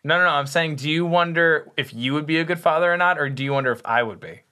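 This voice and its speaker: A man's voice: on the high side, fast, pushed and bright, clean tone. A young man co-hosting a podcast, chatting casually in a rambling, playful way and often correcting himself. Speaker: podcast co-host. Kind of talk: casual chat.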